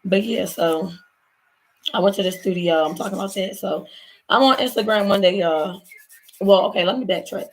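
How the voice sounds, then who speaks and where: Chatting and rambling through a story time while doing her nails, a hoarse Baltimore vlogger who has lost her voice calls her viewers y'all. She speaks at a moderate pace in a mid-range voice, leaving long pauses. The home recording on her laptop's built-in mic is poor.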